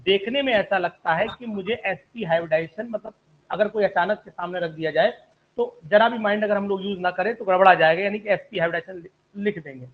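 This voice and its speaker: Man, chemistry teacher, high voice, polite, online class, phone-like sound. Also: fairly quick. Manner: polite, addresses students as sir, asks questions.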